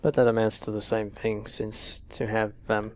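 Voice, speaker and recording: A man's voice: on the low side, normal speed, faint music behind. A young man casually commenting on his game as he plays, thinking aloud. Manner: relaxed, thinking aloud with fillers. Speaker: gameplay commentator.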